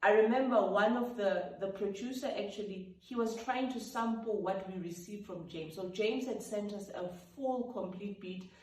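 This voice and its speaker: With a medium-pitched, slightly mellow voice at normal speed, a Sotho-speaking gospel singer-songwriter casually and reflectively recounts how her song came about. Now and then she breaks into sung snippets and vocal sounds, recorded from a distance in an echoey room.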